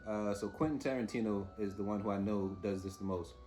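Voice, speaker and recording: A man's voice: fairly low pitch, a little fast, warm tone, a little hiss or hum. A man giving a casual, off-the-cuff TV review, informal and opinionated as he mulls things over aloud. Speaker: host reviewing TV episodes.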